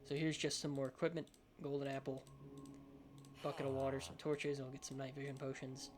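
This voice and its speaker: A man's voice: mid-range voice, completely flat delivery, brisk. A man with a lisp giving casual, rambling game showcase commentary, often hesitant and unsure of himself. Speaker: gaming video host.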